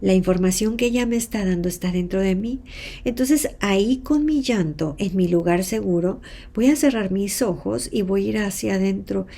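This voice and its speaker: A Mexican woman talks through a self-help lesson in a mellow, warm voice at a middle pitch. She tells her examples expressively, voicing the people she quotes and sometimes sinking to a whisper. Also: normal speed, creaky. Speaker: hypnotherapist and self-help teacher. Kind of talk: teaching talk with role-played examples.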